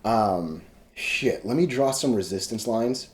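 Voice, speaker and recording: A slow, expressive man with a lowish voice gives offhand commentary on stock charts over a screen share. He has the hiccups, wanders from point to point, breaks off mid-sentence to start again, and talks in salty slang.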